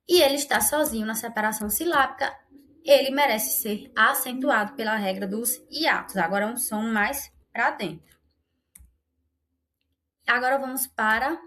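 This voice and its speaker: Slow, patient teacher woman. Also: a little high, a bit bright. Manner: patient, explanatory, often checks in with "né?". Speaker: Portuguese grammar teacher. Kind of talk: online grammar lesson.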